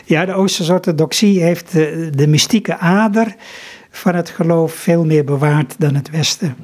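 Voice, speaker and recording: A man's voice: fairly high pitch, measured pace, darkish tone. A man who is an author and translator, speaking thoughtfully in an interview with frequent hesitations and reading passages aloud.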